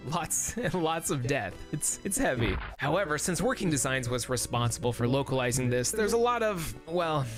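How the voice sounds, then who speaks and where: Male reviewer, young, scripted narration, wry and jokey, very lively intonation, faint music behind. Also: fairly high pitch, moderate pace, few pauses. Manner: wry, joking asides. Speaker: video game reviewer.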